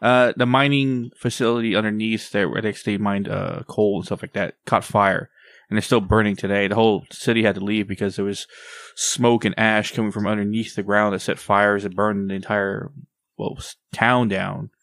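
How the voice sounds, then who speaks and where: A man's voice: lowish voice, little pitch movement, moderate pace, a bit bright, dry recording, clean studio sound. A man in his thirties co-hosting a casual podcast, laid-back, swearing casually and trailing off. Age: 30s. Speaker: podcast co-host.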